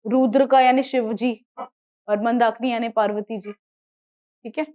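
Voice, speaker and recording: A woman with an Indian accent lectures on geography with a high, unhurried voice, drilling memory tricks and checking if students follow. The sound is a little muffled and lo-fi. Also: fairly even intonation, mellow. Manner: repetitive, drills mnemonics, asks students questions. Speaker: geography teacher for exam prep. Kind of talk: classroom lecture mixing Hindi and English.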